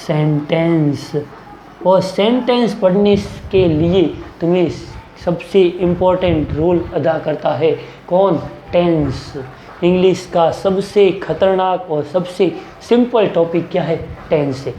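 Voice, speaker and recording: Coaching-class teacher, warm relaxed tone, question-and-answer drilling, echoey room. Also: medium pitch, slow pace, a little hiss or hum. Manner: asks questions and answers them, repeating key words. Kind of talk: classroom grammar lesson.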